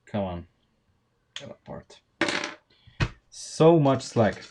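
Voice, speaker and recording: A man's voice: mid-range voice, very animated, extremely slow, very noisy. A man from Slovenia with a Slovenian accent, chatting casually on a live stream while building Lego, thinking aloud with lots of fillers and restarts.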